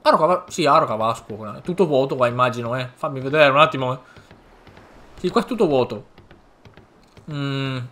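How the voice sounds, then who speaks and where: A man's voice: mid-range voice, fairly quick, long pauses, a bit bright. A man commenting casually and animatedly over a game he is playing, exclaiming and joking. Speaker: gaming video creator. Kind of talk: let's play commentary.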